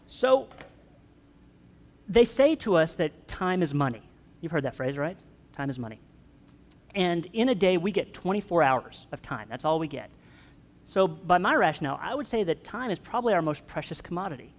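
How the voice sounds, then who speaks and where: A man's voice: fairly high pitch, big pitch swings, moderate pace, long pauses. A man preaching a conversational sermon, joking with his congregation. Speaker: pastor. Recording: long hall reverb.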